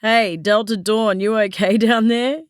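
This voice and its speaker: A woman's voice: on the low side, expressive, fairly quick, dry recording, studio quality, natural voice. A woman voicing a friendly young man who teases his running buddy in an easygoing way. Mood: teasing. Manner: teasing, easygoing.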